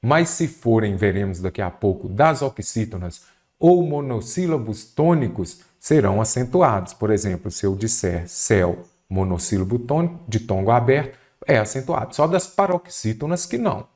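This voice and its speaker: A man's voice: fairly low pitch, big pitch swings, normal speed, darkish tone. A man teaching an exam-prep grammar lesson, explaining step by step and answering his own questions. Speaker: Portuguese teacher.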